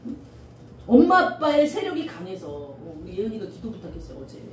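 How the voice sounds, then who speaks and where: A middle-aged woman pastor preaching a sermon, animated and often acting out the voices of the people in her stories. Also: medium pitch, fairly quick. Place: church sanctuary. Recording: echoey church room from a distance, faint noise.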